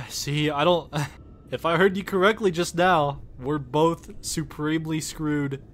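A man with a fairly high, slightly bright voice and fairly even intonation speaks at a measured pace, dubbing the player character in his own parody series. The comedy is sarcastic, exasperated and full of swearing, set over game music.

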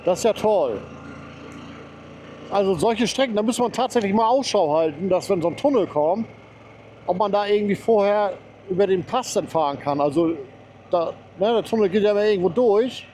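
Commenting on his mountain motorbike ride for viewers, a vlogger sounds chatty and easily excited, his mellow, slightly raised voice captured by a helmet mic. He speaks at a moderate pace in a voice that sits high. Faint engine and wind hum lies under the speech.

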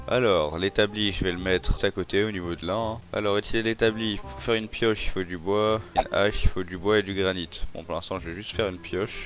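A young man giving casual let's play commentary, excitable, swearing and yelling at enemies. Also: sits low. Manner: excitable, swears, yells at enemies, addresses viewers as brothers. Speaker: gaming YouTuber.

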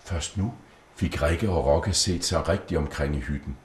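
Male storyteller, deep and animated, roomy echo. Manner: gentle, lively storybook reading. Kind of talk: reading a Christmas story aloud.

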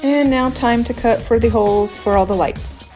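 A woman in her thirties narrating her home renovation vlog casually, chatty and blunt, often pausing with "um". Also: on the high side, darkish tone, faint music behind. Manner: chatty, blunt, with frequent "um" fillers.

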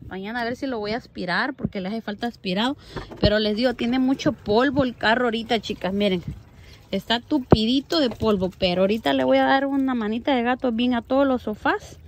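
A young woman chatting to her viewers about her home and garden in a warm, affectionate way, full of little diminutives. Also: on the high side, brisk, noisy background. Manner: switches to doting tone talking to her child. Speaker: home decor vlogger. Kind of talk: casual vlog chat to viewers. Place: at home, yard and car outdoors.

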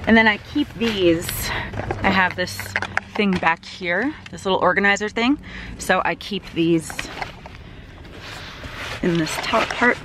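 A woman's voice: mid-range voice, slow pace, pauses often, background noise. A young woman vlogging to a dashboard camera inside her parked car, chatting and rambling as she explains each step. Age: young adult. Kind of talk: casual vlog talk to camera.

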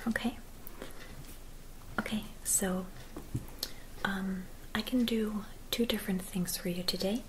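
A woman in her twenties doing a whispered role-play as a spa attendant, speaking softly and gently in an attentive, whispery voice. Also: mid-range voice, fairly even intonation, takes it slowly, pauses often, background noise. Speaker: ASMR performer playing a spa clinic receptionist and therapist. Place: small dim room at home.

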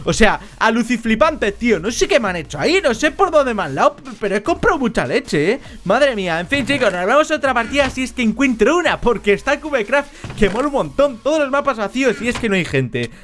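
A man with a Spain Spanish accent giving casual, joking commentary over his gameplay, talking at home into a headset mic and now and then bursting into shouts. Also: extremely high pitch, very animated, fast talker, hardly any pauses. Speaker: Minecraft gameplay YouTuber.

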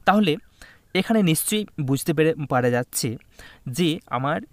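A young male tutor walks students through exam grammar questions. He coaxes them along and keeps checking that they follow. His voice sits a little high, and it is recorded close and dry with no room echo. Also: lively intonation, moderate pace. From West Bengal, India. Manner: coaxing, checks in often with "okay?". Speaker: exam coaching teacher. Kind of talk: online English grammar lesson in Bengali.

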